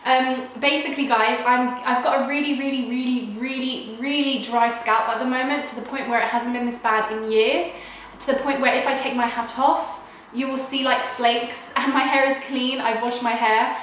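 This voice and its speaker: A young woman vlogs to camera from home while sick with a cold, sounding nasal and chatting in a rambling way full of "like" and restarts. Her voice sits high and fairly bright, with fairly even intonation and a moderate pace. The room is very echoey, with slight background noise.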